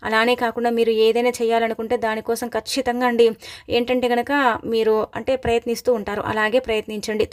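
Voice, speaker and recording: A woman presenting astrology predictions and devotional remedies, talking quickly and correcting herself often. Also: fairly high pitch. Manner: rapid flat delivery with frequent self-corrections and filler phrases. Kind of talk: fast devotional astrology talk.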